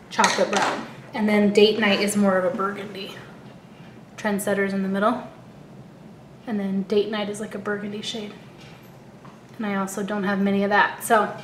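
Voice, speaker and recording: An American woman in her thirties, a little out of breath, chatting casually to camera as a beauty vlogger in an informal way. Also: mid-range voice. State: out of breath, heavily pregnant. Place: living room at home, indoors. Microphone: camera a short distance away. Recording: roomy echo, light background noise.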